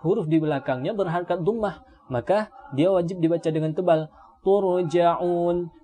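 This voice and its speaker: A man with an Indonesian accent gives a steady Quran recitation lesson, explaining each rule calmly. He stretches Arabic example words out slowly. His voice sits a little high but sounds dark and mellow. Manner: slow drawn-out Arabic demonstration words between calm explanation. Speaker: tajwid teacher.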